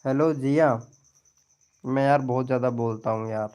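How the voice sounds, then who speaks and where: A man's voice: mid-range voice, normal speed, darkish tone, clean tone. A young man hosting a casual live stream, chatting and teasing his viewers by name as he shows them his channel.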